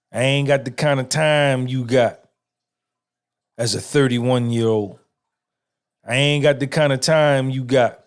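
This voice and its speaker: A middle-aged man hosting a podcast, giving an emphatic, swaggering motivational monologue full of repetition and cursing. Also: mid-range voice. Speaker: podcast host.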